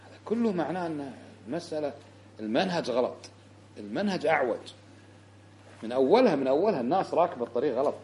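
A man giving a religious lesson, indignant and emphatic, climbing high when he stresses a point. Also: quick pace, pauses often, slight background noise. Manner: animated and indignant, rising sharply for emphasis. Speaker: Islamic scholar giving a lesson. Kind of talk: religious lecture commentary.

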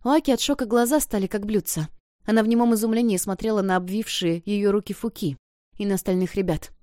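A woman narrating an audiobook in an expressive, emotional reading. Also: medium pitch, quick pace, no echo, studio quality. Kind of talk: scripted narration.

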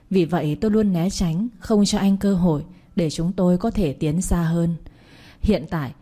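A young woman narrates a first-person story in an audiobook. Her delivery is calm and earnest. Her voice is low, warm and mellow. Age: young adult.

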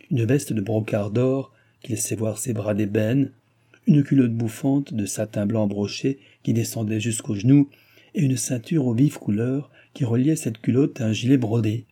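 Male narrator, very dark voice, husky, measured audiobook reading. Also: mid-range voice.

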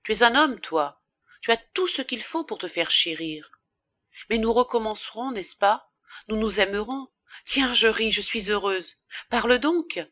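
A woman's voice: fairly high pitch, lively intonation, measured pace, no room sound, pitched above the performer's own voice. A woman voicing a desperate young wife pleading with her former lover, in a dry audiobook reading. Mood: coaxing. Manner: pleading, rising and forceful when upset. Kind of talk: audiobook character voice.

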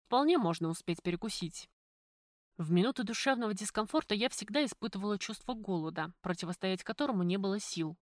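A woman narrating a first-person audiobook in a lively, conversational storytelling manner. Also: mid-range voice, a little fast, dry recording, clean studio sound.

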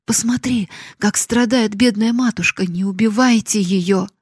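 A woman voicing a young daughter who calmly and firmly stands up to her father, read as an audiobook in a dry, husky voice. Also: mid-range voice, a little slow, no echo. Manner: calm and steady. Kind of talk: audiobook reading.

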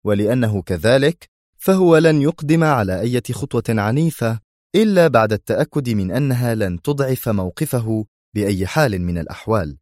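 A man's voice: medium pitch, lively intonation, a little fast, darkish tone, no echo, studio quality, lightly acted. A man voicing a stern male intelligence commander who speaks in a firm, clipped, commanding way.

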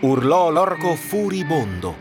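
Lively male fairy-tale narrator. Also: a little high, measured pace. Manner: expressive, dramatic storytelling. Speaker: storyteller. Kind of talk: storybook narration. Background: background music.

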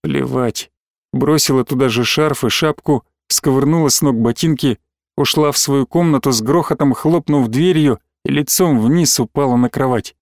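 A man reading a novel aloud as an audiobook narrator in measured, even storytelling. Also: medium pitch, creaky, dry recording, clean studio sound. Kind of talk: scripted narration.

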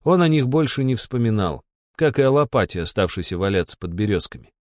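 A man's voice: lowish voice, sing-song, a little fast, dry recording. Man narrating a wry audiobook, dry sound. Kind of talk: first-person audiobook narration.

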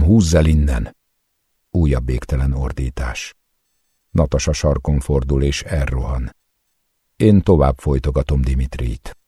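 A man's voice: extremely low pitch, warm tone, breathy edge, no room sound, clean studio sound. A man reading a first-person novel aloud as an audiobook narrator, with an intense, dramatic delivery.

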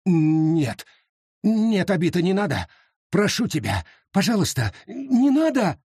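A man's voice: sits high, sing-song, drawn-out words, a little mellow, breathy edge, no echo, clean studio sound, voice pushed up, full character voice. A man reading an audiobook and voicing a terrified man who begs and cries out in panic. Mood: pleading. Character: terrified young man, begging and sobbing.

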